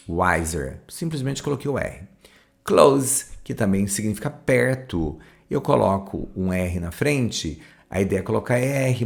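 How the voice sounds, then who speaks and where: A man teaching an English grammar lesson, explaining each rule step by step, calling his viewers "gente" and reading example sentences slowly. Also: on the low side, creaky.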